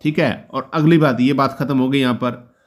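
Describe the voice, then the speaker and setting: A man hosting his own channel, talking through a job policy in an informal, reassuring way and often closing a point with a quick check-in. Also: mid-range voice, steady tone. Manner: explanatory, reassuring, often ends points with "ठीक है". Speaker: YouTube channel host explaining job policy. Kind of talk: informal explainer talk.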